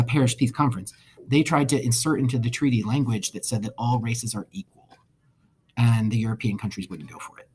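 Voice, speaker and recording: Husky-voiced man giving a casual lecture. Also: mid-range voice, a little mellow. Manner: casual, conversational, with wry asides. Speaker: history teacher. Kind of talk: recorded classroom lecture.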